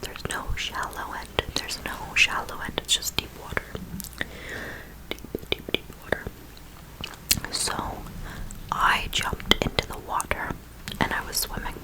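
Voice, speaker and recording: A woman speaking in a soft, breathy ASMR whisper, telling a rambling personal story and slowly repeating words and phrases. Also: rough recording. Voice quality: whispery, mostly unvoiced, with creaky edges. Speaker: ASMR video host.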